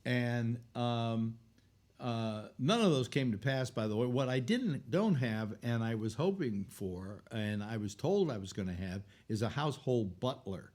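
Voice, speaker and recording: A man's voice: mid-range voice, expressive, a little slow, darkish tone. A man in his eighties hosting a casual chat show, rambling and wry, often restarting his sentences. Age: 80s. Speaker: host.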